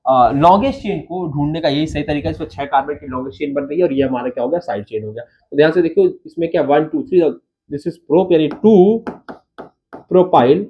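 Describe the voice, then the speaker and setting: A man's voice: a little high, a little mellow. A man teaching chemistry in a mix of Hindi and English, calling the students "bachcha" and asking questions he then answers himself. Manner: addresses students as "bachcha" and "babu", asks and answers own questions; counts carbons slowly while writing. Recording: dull lo-fi sound with faint noise.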